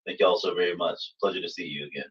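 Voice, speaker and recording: A man's voice: deep voice, fairly even intonation, fast talker, fairly bright tone, far from the mic. A man hosting a livestream panel, effusively polite as he moderates, on a muffled microphone. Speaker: host, moderator.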